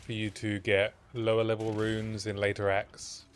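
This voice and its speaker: A man streaming a video game, thinking out loud to himself in casual commentary as he plays. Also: on the low side, monotone, normal speed, a little hiss or hum. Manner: musing aloud to himself while playing.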